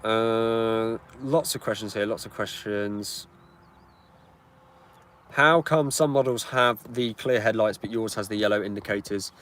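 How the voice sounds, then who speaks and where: A British man in his twenties, host of the channel, chats through a live-stream Q&A by his car, taking viewers' questions. His lowish voice sounds a bit bright, and he keeps a measured pace. Recorded outdoors on a tripod-mounted camera, the audio carries engine and street noise.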